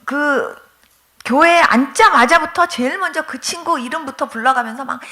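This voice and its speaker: Speaking at a normal speed in a high-pitched voice, a middle-aged female pastor from Korea recounts her testimony at a revival service. Her emphatic, animated delivery includes impersonating those she quotes, and she frequently sounds on the verge of tears.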